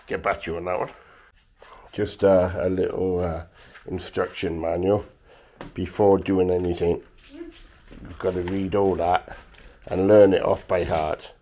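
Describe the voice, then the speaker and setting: A man chatting casually to camera in a hesitant, joking way, full of pauses and uhs as he shows off new equipment. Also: low voice, little pitch movement, warm tone, slight background noise. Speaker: vlogger showing new equipment.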